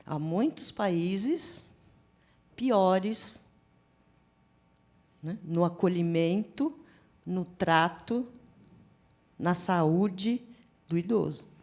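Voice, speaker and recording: Lively woman lecturing. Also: fairly low pitch, very slow, pauses often. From Brazil. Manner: conversational, animated, acts out little scenes. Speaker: psychology lecturer. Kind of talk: lecture at a forum. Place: lecture hall.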